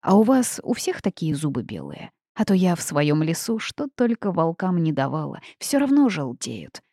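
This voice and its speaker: A woman voicing a hot-tempered young witch in a storybook, blunt and quick to flare up. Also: deep voice, very animated, dark tone, no room sound, clean studio sound, full character voice. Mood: sulky. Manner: quick-tempered, indignant outbursts.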